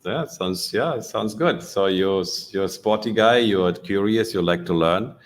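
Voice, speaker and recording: Very deep-voiced podcast host man. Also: a little slow. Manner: friendly, frequent listening murmurs. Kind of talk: casual interview.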